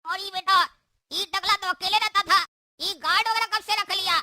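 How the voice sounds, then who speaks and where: A woman's voice: extremely high pitch, fairly even intonation, normal speed, sharp tone, dry recording, studio quality, full character voice. A woman voicing a boastful, cocky young male troublemaker in a cartoon, bragging and teasing. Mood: brash.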